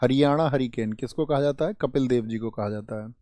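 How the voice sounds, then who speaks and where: A man's voice: medium pitch, brisk, mellow, no echo. A young adult male teacher running an online exam-prep class, quizzing students by asking questions and answering them himself, sometimes scolding with exasperation. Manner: quizzing, asks then answers his own questions.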